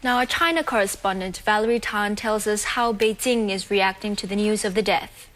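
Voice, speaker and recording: A woman's voice: medium pitch, normal speed, a bit bright, a little hiss or hum. A woman news anchor reading scripted television news.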